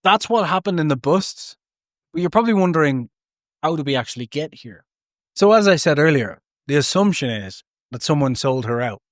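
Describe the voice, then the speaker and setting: A man's voice: a little high, lively intonation, moderate pace, no echo, clean studio sound. A man hosting a podcast, narrating a true story with chatty, jokey asides that often break off mid-thought. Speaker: podcast host.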